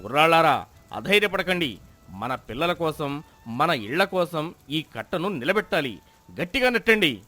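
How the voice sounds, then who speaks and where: A man voicing a stern middle-aged village leader who shouts orders in a storm. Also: a little high, big pitch swings, moderate pace, heavily acted. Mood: angry, rallying.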